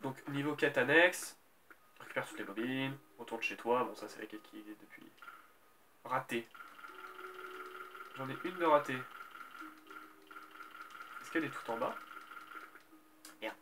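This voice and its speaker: A man's voice: mid-range voice, a little slow, long pauses, bright, forceful tone, a little hiss or hum. A young man from France giving rambling, casual let's play commentary, swearing now and then. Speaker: gamer. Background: video game music.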